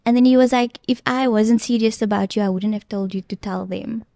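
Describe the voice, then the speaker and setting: A woman's voice: on the high side, steady tone, brisk, creaky, dark tone, no echo, studio quality. A young woman guest earnestly retelling a personal story in casual chat, with plenty of filler ums. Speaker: podcast guest.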